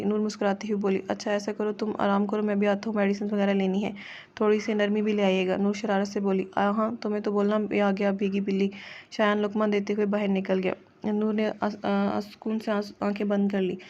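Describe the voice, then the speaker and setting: A woman reading a romance novel aloud in a steady, even voice, with some stumbles over words. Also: medium pitch, brisk, dull audio. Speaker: novel narrator.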